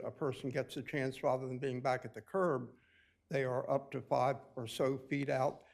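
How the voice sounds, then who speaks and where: A man giving a deliberate public comment at a city committee meeting, explaining street safety step by step. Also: mid-range voice, creaky, a little mellow. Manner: deliberate, explanatory, with occasional restarts.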